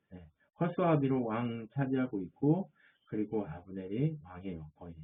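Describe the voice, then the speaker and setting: Husky guy preaching a sermon, keeps asking questions and answering them himself, sounds tinny like over a phone. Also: mid-range voice. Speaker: pastor.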